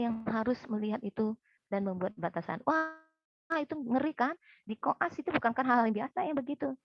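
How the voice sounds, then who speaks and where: Animated woman speaker, dull dry recording. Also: fairly high pitch, dry recording. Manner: lively storytelling, often addressing the listeners directly. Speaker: counselor and guest speaker.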